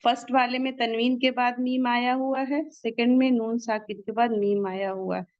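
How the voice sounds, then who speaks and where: A woman teaching the rules of Quran recitation, slowly sounding out each word and then explaining how to pronounce it. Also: on the high side, flat delivery, no room sound, muffled recording. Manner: slow, deliberate, drawn-out recitation of each word.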